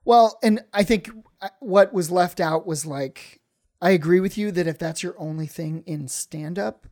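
A man's voice: high-pitched, unhurried, a little mellow. A man, a stand-up comedian, chatting casually on a podcast, rambling with many fillers and restarts.

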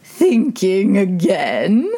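Woman doing a slow, drawling old duchess, preachy and pompous, husky edge, sing-song. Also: medium pitch, huge pitch swings, dark tone, heavily acted. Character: fussy old woman, a duchess fond of morals.

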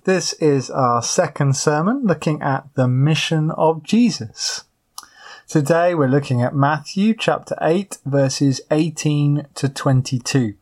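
A pastor delivers a weekly sermon to an island congregation, pacing it like a told story. The voice sits mid-range, steady and deliberate, and slows on the key points. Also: medium pitch. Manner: measured storytelling with acted quotes.

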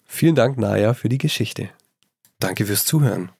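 Guy reading a short story on his podcast, gravelly voice, dry close sound, takes his time. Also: fairly low pitch, expressive, darkish tone, no echo. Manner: slow, measured reading with deliberate pauses. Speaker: podcast host reading listener stories.

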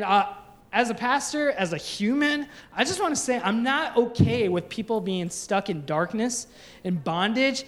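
A woman pastor giving a sermon, telling stories animatedly and acting out the voices. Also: fairly high pitch. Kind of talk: sermon with storytelling.

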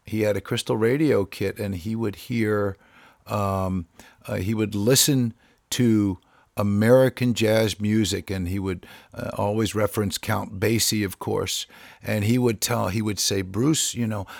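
A man being interviewed as a drummer guest, talking in a casual, halting way with many fillers and restarts. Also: on the low side, creaky, dry recording, studio quality.

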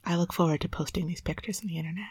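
A woman co-hosts a podcast from inside a small clothes closet, joking and laughing and sometimes slipping into a whisper. Her voice sits a little low for a woman. The hanging clothes leave the sound completely dry, with no room echo. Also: sharp tone, husky. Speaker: podcast co-host. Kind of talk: casual banter. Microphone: close podcast microphone.

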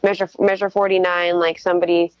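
A young woman comes through on a telephone line, the sound muffled and dry with no room around it. Her voice sits fairly low for a woman. She answers interview questions in a chatty, quick way, scattering fillers as she goes. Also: level tone, smooth, no echo. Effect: heard over the phone. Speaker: guest musician.

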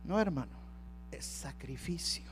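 A male pastor preaching a sermon. He swings from quiet storytelling to shouted calls for worship and acts out the voices of church members and family. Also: a little high, expressive, measured pace, slight background noise.

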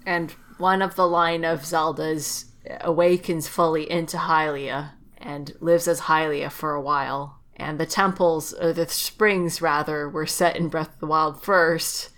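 Deep-voiced woman chatting on a podcast. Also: steady tone, a bit bright. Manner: thinks aloud with fillers, quick to laugh. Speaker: podcast co-host. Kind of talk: casual chat.

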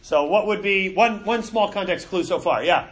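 A middle-aged man teaching a Bible class in an animated, conversational way, often repeating words as he goes. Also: sits high, normal speed. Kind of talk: classroom lecture.

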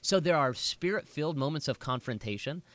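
A man, a pastor, co-hosting a casual Bible podcast, telling stories with animated energy and slipping into a preacher voice. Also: on the high side, brisk, no echo. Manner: animated storyteller, drifts into a preacher voice.

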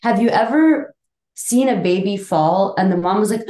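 A woman co-hosts a parenting podcast and talks earnestly at a middle pitch, working through her points and dropping in quick apologetic asides. Her voice carries a roomy echo, as if recorded in an untreated space. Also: dark tone. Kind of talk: casual conversational podcast chat. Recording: roomy, echoey podcast audio.

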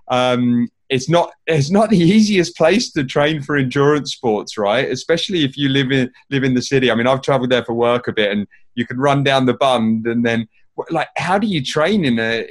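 A man hosting a podcast, asking questions in a casual, rambling way with many restarts and fillers. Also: mid-range voice. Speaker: podcast host. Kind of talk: casual interview chat.

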